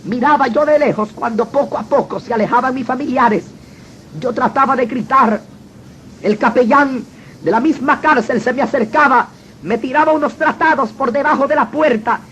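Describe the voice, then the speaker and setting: A man's voice: extremely high pitch, normal speed, a bit bright. A man telling his personal testimony in an earnest, dramatic storytelling manner. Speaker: testimony speaker. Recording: dull lo-fi recording with faint noise.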